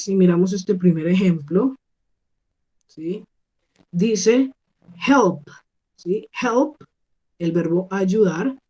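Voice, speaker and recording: Colombian lady teacher, slow and patient, soft warm voice, keeps asking if ya got it. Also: fairly low pitch. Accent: Colombian Spanish. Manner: patient, checks in often with listeners. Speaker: English teacher. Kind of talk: online class lecture. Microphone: computer mic on a video class.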